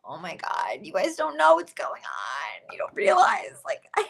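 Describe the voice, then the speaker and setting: A woman's voice: sits high, huge pitch swings, unhurried, creaky. A woman in her late thirties, a podcast guest, chatting casually and laughing often. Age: late 30s. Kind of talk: casual chat.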